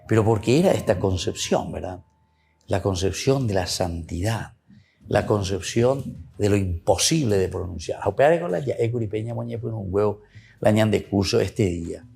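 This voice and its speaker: A man's voice: lowish voice, creaky. A male priest, teaching the Bible to listeners he calls dear friends, repeating his words as he explains. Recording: soft music behind.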